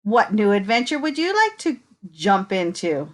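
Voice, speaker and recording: A woman with a medium-pitched voice reads a children's picture book aloud, taking her time and bringing plenty of expression to it. Now and then she stops to ask her young listeners inviting questions.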